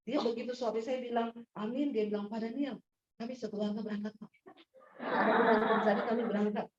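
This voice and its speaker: Animated woman preacher, echoey hall. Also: on the high side, a little fast. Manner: animated, acts out quoted voices. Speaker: pastor. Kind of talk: sermon storytelling. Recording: echoey hall, dull lo-fi sound.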